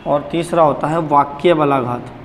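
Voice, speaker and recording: A man's voice: a little high, normal speed, big-room sound, a little hiss or hum. A man teaching Hindi grammar at a board, repeating key points and quizzing the class with questions. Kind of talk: blackboard lesson.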